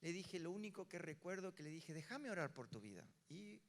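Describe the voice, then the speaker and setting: A man's voice: high-pitched, a little fast, in a large hall. An older man from Argentina, a pastor with a Rioplatense Spanish accent, telling a story in a sermon and acting out the voices of its people. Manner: animated storyteller acting out dialogue.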